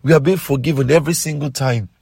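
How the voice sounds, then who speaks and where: A man preaching a podcast sermon, earnest and exhorting, slowing down to press key points. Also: medium pitch, fairly even intonation, gravelly, darkish tone, slightly rough, no echo. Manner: earnest, exhorting, slows for emphasis.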